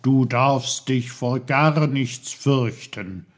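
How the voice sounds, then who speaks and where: A man's voice: medium pitch, very slow. A man playing a wise, kindly little magic man. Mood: gentle. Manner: calm, gently instructive.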